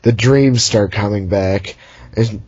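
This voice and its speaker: A man's voice: on the low side, takes it slowly, darkish tone, breathy edge, no room sound, muffled recording. A young man giving a rambling, sarcastic recap of a movie in casual chat, recorded at home on a computer mic. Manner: rambling, sarcastic, mocking character voices. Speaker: movie reviewer.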